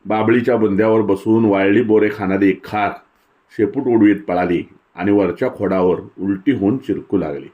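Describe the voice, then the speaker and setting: A man narrating a literary short story in a measured, descriptive way. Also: fairly low pitch, phone-quality sound. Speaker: story reader.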